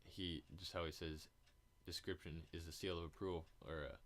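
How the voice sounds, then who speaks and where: A male podcast host with a very deep, low voice talks off the cuff. He rambles and hesitates, restarting thoughts and swearing freely as he goes. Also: flat delivery, moderate pace, a bit bright. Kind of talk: casual podcast monologue.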